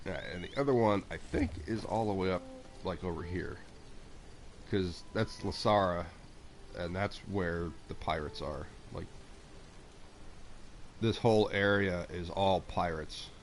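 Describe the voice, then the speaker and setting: A deep-voiced man from Texas and South Florida streams a game, chatting casually with viewers, talking to chat and cooing at his pets. He's a little slow and pauses often, with faint background noise.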